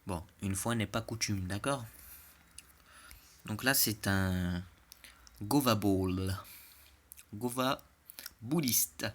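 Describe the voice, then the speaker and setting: A man's voice: on the low side, very slow, long pauses. A man giving casual, joking commentary over game replays, chatty and often checking in with the listener. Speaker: clan war replay commentator.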